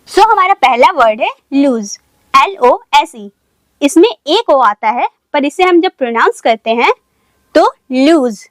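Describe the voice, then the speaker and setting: A young woman gives a video English lesson and explains each word carefully. Her voice is high and her pace slow and unhurried. The sound is dry and close. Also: no room sound. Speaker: English teacher.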